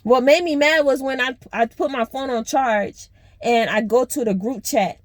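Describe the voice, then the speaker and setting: A woman's voice: high-pitched, normal speed, no room sound. Blunt, profane young woman telling a story. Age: young adult. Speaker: vlogger. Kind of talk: casual storytime vlog.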